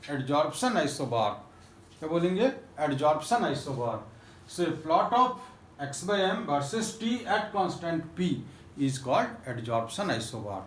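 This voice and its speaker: A male chemistry teacher with a Hindi accent lectures in a fairly high voice. He mixes English terms into his explanations, addresses students fondly and answers his own questions. The classroom sounds echoey, with faint noise behind him.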